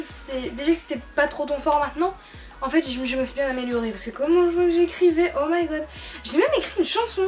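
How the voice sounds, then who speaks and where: Chatty high-voiced young woman. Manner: chatty, laughing, many fillers and restarts. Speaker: YouTuber. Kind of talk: casual vlog chat. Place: her bedroom, sitting on her bed. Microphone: camera on a tripod.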